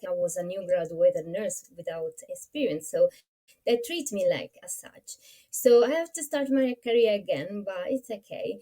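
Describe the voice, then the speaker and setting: A woman's voice: medium pitch, dark tone. A woman in her forties from Italy with an Italian accent, presenting a webinar as co-host and using non-native phrasing and fillers. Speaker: co-host, nurse career coach.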